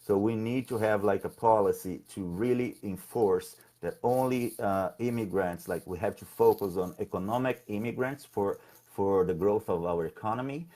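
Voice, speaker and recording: His voice falls on the low side with a dark tone. He's a Brazilian political candidate in a conversational interview, speaking haltingly and repeating himself often.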